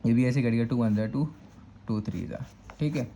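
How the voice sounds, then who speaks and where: A patient male math teacher with a Karachi Urdu accent works through a problem step by step, checking in often. His voice is very dark and mellow at an ordinary pitch. A faint hiss sits under the recording. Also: moderate pace. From Pakistan. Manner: patient, repeats "thik hai" to check understanding.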